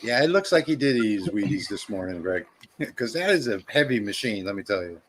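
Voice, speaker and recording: A man's voice: lowish voice, very animated, a little fast, a bit bright, slight background noise. A man co-hosting a live stream, reading viewer comments aloud and chuckling often. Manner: chuckles often, relays chat comments to the host. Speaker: co-host reading live chat.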